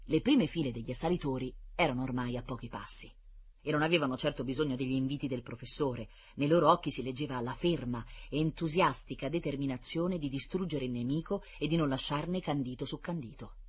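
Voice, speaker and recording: Animated children's storyteller, slightly husky tone. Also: mid-range voice, a little fast. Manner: animated, with playful asides.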